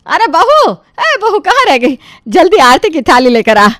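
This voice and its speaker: A woman's voice: fairly high pitch, normal speed, a bit bright, no echo, clean studio sound, natural voice. A woman voicing a bossy older mother-in-law who scolds and barks orders at her household. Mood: impatient shouting.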